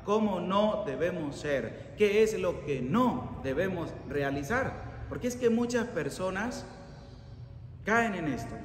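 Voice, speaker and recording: A middle-aged priest preaching with earnest emphasis, his voice rising on the warnings. It sits a little higher than most men's and rings through a church with long reverb. A faint ambience hangs underneath. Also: slight background noise. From Venezuela. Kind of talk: sermon. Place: church chapel by an ornate altar. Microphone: fixed camera at mid distance.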